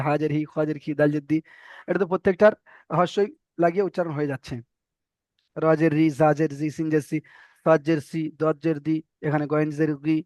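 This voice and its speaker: High-voiced man drilling letter sounds. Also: a little mellow, no echo. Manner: slow, repetitive drilling of syllables with pauses. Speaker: online Quran reading teacher. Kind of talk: online class lesson, spelling out letter sounds. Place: online video class.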